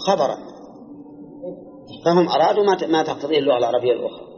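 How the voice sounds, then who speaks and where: A man with a Najdi Arabic accent teaching Quran exegesis, explaining slowly and quizzing his students. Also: on the high side, animated, dark tone, a little hiss or hum. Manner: measured, explanatory, quizzes listeners. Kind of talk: classroom lecture with questions to students. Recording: dull, echoey archival lecture recording.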